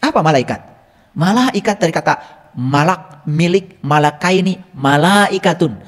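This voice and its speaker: A man's voice: on the high side, expressive, unhurried. A male religious teacher gives a teaching lecture, teasing his listeners with rhetorical questions. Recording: long reverb from a hall.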